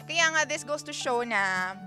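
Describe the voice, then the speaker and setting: A woman's voice: high voice, expressive, a little slow, sharp tone. A Filipino woman radio DJ giving chatty relationship advice and reading listener messages, mixing Tagalog and English. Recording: radio broadcast with faint music behind.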